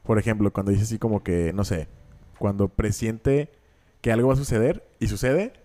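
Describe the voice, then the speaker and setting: A man's voice: on the low side, moderate pace, mellow. A man in his thirties with a Mexican accent, co-hosting a podcast, telling stories in slangy casual chat. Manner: slangy, storytelling, swears casually. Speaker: podcast co-host.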